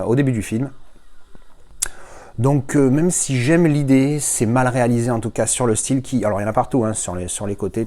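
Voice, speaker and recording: A man's voice: mid-range voice, dark tone. A man giving casual unboxing commentary, chatty and hesitant, with many fillers and restarts. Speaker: video host unboxing a film edition.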